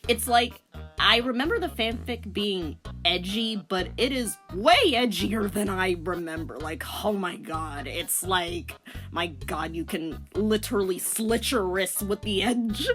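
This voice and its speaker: Over background music, a woman with a mid-range, somewhat bright voice hosts and reads a story for a comedic dramatic reading in a recorded voice-over. Her pace is measured as she narrates theatrically and drops into casual, disbelieving asides.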